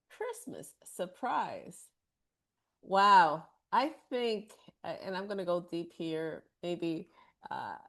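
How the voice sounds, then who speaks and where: A middle-aged woman with a lowish voice gives an impromptu, heartfelt answer on a video call. She talks candidly, with pauses. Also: vocal fry, fairly bright tone. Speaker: club member answering a question. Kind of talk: impromptu short speech.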